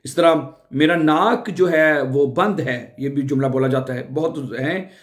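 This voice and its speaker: A man teaching German phrases for a doctor's visit. He says each phrase slowly, repeats it, and often checks in with the learners. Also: on the high side. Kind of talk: explaining a language lesson.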